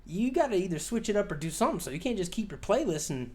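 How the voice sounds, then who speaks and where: A man's voice: high-pitched, sing-song, fast, mellow. A man in his forties co-hosting a casual podcast, rambling with lots of fillers, swearing freely and laughing often. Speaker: podcast co-host.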